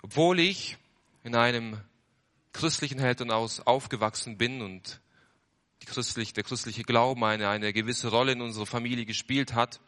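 A young man preaches his testimony in an earnest sermon voice. His tone is bright and forceful, rising into loud surges and then sinking to hushed lows. He repeats phrases for emphasis. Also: normal speed.

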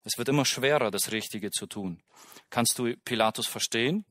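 A man's voice: mid-range voice, moderate pace, fairly bright tone, no echo, clean studio sound. A man preaching a sermon in an earnest way, often asking his listeners direct questions.

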